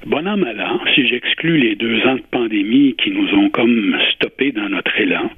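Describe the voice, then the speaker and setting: A man in his sixties with a Quebec French accent, giving earnest, deliberate interview answers and pausing to search for his words. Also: medium pitch, slightly rough. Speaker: interview guest, retired public servant and volunteer. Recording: muffled phone-like radio line with echo.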